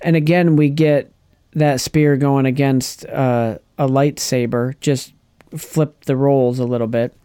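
A man chatting casually on a podcast, retelling a TV episode with lively acted-out lines and frequent restarts. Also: mid-range voice, unhurried, clear, resonant tone, no room sound, studio quality. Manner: animated storyteller, acts out characters' lines, restarts often. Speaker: podcast co-host. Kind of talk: casual chat recapping a TV episode.

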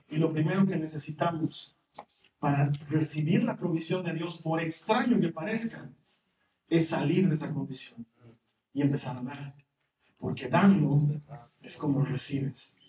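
A man preaching a sermon as pastor, lively and acting out the voices he quotes. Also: fairly high pitch, recorded from a distance. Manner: animated, acts out quoted voices. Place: church hall. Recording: roomy church hall, mic from afar, faint noise.

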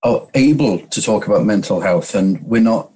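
A man's voice: lowish voice, lively intonation, moderate pace, warm tone, husky, low-quality recording. A middle-aged man speaking openly and personally as he leads a discussion. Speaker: music college director leading a discussion.

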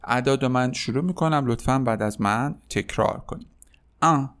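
A man hosting a language lesson podcast, drawing out model words slowly and calling his learners "kids" in a friendly way. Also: medium pitch. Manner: slow, drawn-out model words for repeating. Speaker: podcast host and French teacher.

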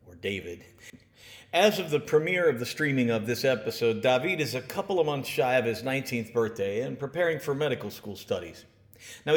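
A man delivering an interpreted sermon in English, earnest and emphatic, after hosting the introduction. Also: mid-range voice. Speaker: sermon interpreter and podcast host.

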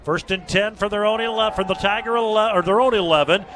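A man's voice: high-pitched, fast, noisy background. A man calling football play-by-play in live sports commentary. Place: outdoor football stadium broadcast.

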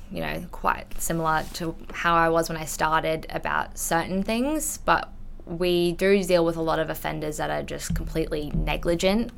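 A deep, gravelly voice with a fairly bright, clean tone belongs to a woman in her twenties with an Australian accent. She's an intellectual property investigator and podcast guest, speaking frankly and informally in a conversational interview.

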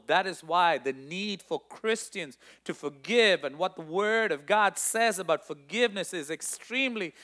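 A middle-aged male pastor preaching a sermon, reading scripture aloud and stopping to comment, moving between loud emphatic lines and quiet low ones.

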